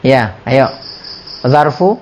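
A man's voice: mid-range voice, expressive, drawn-out words, darkish tone, a little hiss or hum. A man with an Indonesian accent teaching an Arabic lesson, repeating words and quizzing his students. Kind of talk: classroom lesson.

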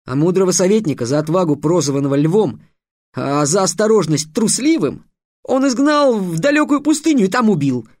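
Мужчина, читающий аудиокнигу, озвучивает юного ученика, робкого поначалу, а затем страстного и обличающего. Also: male voice, high-pitched, very animated, normal speed, a little mellow, no room sound, clean studio sound, pitched above the performer's own voice. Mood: impassioned. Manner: timid at first, then impassioned and accusing. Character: young male apprentice, a nervous boy turned fiery orator. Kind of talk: audiobook character voice.

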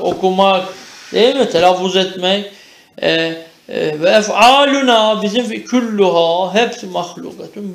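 Man, Turkish accent, teacher, reads Arabic lines then explains them, asks the class questions, fairly high voice, roomy echo. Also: creaky. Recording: echoey room.

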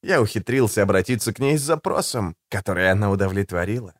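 A man reading an audiobook, voicing a suave, condescending male assassin in a soft, low, silky voice. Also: lively intonation, fast, no echo, clean studio sound, natural voice. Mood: silky, ironic. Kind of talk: audiobook character voice.

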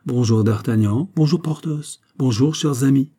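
A smooth, cunning bishop, voiced by a man reading aloud. He speaks softly and persuasively. The voice is lifted a little above the reader's dark, husky tone. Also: medium pitch, moderate pace, pitched above the performer's own voice, lightly acted. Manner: soft and persuasive.

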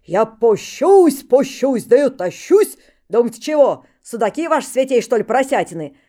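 A woman voicing a wild old holy-fool monk who shouts fierce rhyming prophecies at everyone in a storybook reading. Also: very high-pitched, animated, normal speed, voice pushed up. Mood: ranting. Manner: shouts in rhyming sing-song outbursts.

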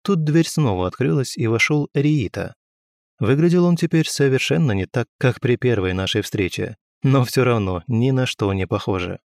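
A man reading a story aloud in measured, even scripted narration. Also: mid-range voice, creaky, no room sound, clean studio sound. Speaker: audiobook reader.

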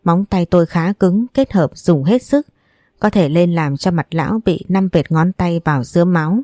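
A woman reads a novel aloud in first person with steady, even storybook narration. Her voice sits low and mellow, and the recording is dry and close with no room sound. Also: moderate pace, no room sound. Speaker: audiobook narrator.

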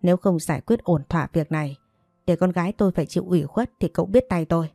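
A woman's voice: lowish voice, quick pace, gravelly, warm tone, dry recording, soft background music. A woman voicing a stern, angry male provincial mandarin who threatens and stresses each word. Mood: stern threatening.

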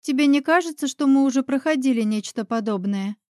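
A woman voicing a calm, gentle young witch who speaks softly and soothingly, in a storybook reading. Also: sits high, brisk, no room sound, clean studio sound, lightly acted. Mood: cool. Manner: soft, soothing.

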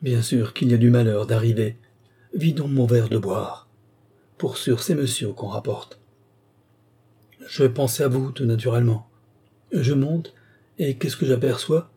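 A man's voice: mid-range voice, measured pace, pauses often, dark tone, husky. A man voicing a chatty old female country servant, telling her story in a breathless, exclamatory way, for an audiobook. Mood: gossiping.

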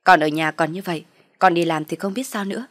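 A woman's voice: lowish voice, fast, fairly bright tone, no room sound, studio quality. Woman voicing a firm young husband. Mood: defensive. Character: young husband defending his wife.

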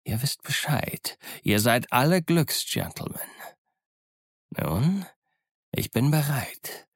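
A man's voice: medium pitch, very animated, takes it slowly, slightly rough, dry recording, studio quality, voice pushed up, exaggerated voice. A man voicing a scheming old one-legged pirate captain who growls threats and mocks his crew. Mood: menacing, scornful. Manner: growling threats, mocking and commanding. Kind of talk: audiobook character voice.

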